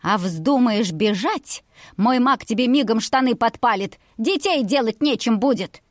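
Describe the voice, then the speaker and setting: An angry older mother speaks coldly and threateningly, her tongue sharp, as a woman narrator puts her on. The storybook reading sounds dry and close. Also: fairly high pitch, animated, unhurried, no echo. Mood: coldly stern. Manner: cold, threatening.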